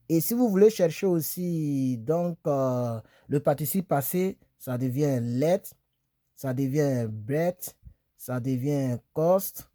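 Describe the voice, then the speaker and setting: A man teaches English verbs in a relaxed, chatty way, repeating each word slowly and checking that his viewers follow. His voice is mellow and dark, and it sounds close and dry, as if filmed on a phone in a small room. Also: a little high, no echo. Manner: chatty, repeats words slowly, asks "tu vois, non?". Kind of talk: casual video lesson.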